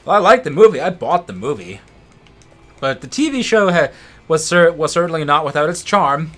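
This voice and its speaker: Over game music, a man co-commentates a let's play, chatting casually in a geeky, opinionated, casually profane way. His voice sits on the high side and sounds animated and fairly bright, moving at a normal speed.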